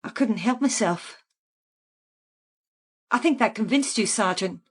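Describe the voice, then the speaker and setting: Playing a calculating murderess in a radio crime drama, the actress uses a fairly high, expressive voice with a breathy edge, recounting her crimes unhurriedly to police as if they were everyday business. Her tone is plain, reminiscent, and unrepentant, in a naturalistic acting style.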